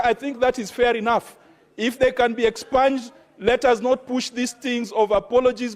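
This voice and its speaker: A man with a Kenyan accent addressing parliament as a legislator in an emphatic, urging, oratorical way. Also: extremely high pitch. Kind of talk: parliamentary debate speech.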